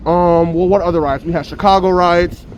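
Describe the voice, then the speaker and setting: A man's voice: sits high, fairly even intonation, normal speed, slight background noise. A man talking through a face mask, arguing his opinions in an impassioned, insistent way and repeating phrases for emphasis. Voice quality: slightly muffled, speaking through a face mask. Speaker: interviewee giving opinions. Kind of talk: impassioned street debate.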